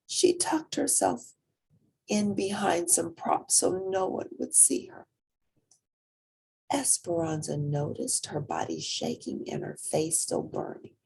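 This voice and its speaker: On poor audio, a woman reads a children's picture book slowly in a voice on the low side. She reads with animated drama, her husky, breathy voice dropping into whispers and holding onto certain words.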